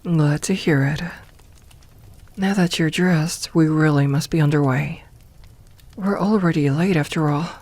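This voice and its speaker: Here a woman's low-sitting voice, captured in a dry recording, gently reassures the listener as a teasing, doting evil lamia queen. The ASMR roleplay offers intimate personal attention, delivered in soft, unhurried, near-whispered murmurs with formal wording.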